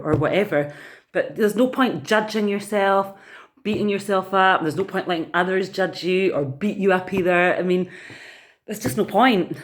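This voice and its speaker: A woman, softly guiding listeners through a healing prayer in a relaxed, unhurried way. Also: fairly low pitch. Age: 40s. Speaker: holistic therapist and vlogger. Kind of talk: gentle guided prayer talk.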